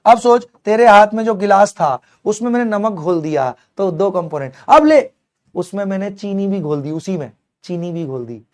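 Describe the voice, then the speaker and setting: A young male chemistry teacher with a high voice delivers an animated online exam-prep lecture at normal speed. He blends Hindi with English terms and refers to his students as his kids.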